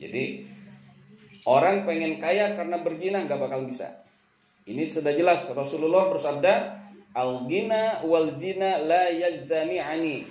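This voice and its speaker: A man preaching a sermon at a religious study gathering, chanting Arabic quotes and explaining them in lively casual speech. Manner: lively, swings from loud emphasis to low asides, chants Arabic quotes then explains; casual street slang and acted banter. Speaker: Islamic preacher. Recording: echoey room with faint background noise.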